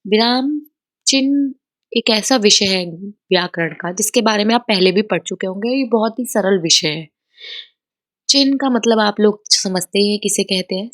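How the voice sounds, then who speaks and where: Patient woman teaching grammar. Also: medium pitch. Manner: patient, explanatory, mixes English words. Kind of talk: grammar lesson over slides.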